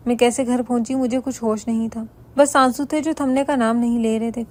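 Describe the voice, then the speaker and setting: A woman narrating a dramatic first-person story in an even, measured reading. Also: a little high.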